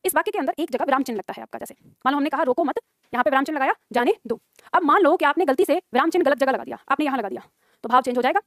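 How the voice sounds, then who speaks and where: A woman's voice: high-pitched, very fast, fairly bright tone, no room sound, studio quality. A woman teacher giving a lecture to students, explaining with examples and repeating lines for them to write down. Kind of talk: classroom lecture.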